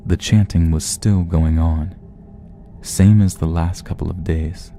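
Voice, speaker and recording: Male horror narrator, very dark and low, unhurried and somber, faint music underneath. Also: steady tone, a little hiss or hum. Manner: slow, measured, somber. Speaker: horror story reader.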